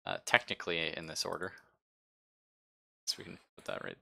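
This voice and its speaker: With big swings in pitch, a man whose voice is deep, bright, and gravelly narrates as game master at a moderate pace. He leads the tabletop roleplaying game in a loose, conversational style, joking and cursing along the way.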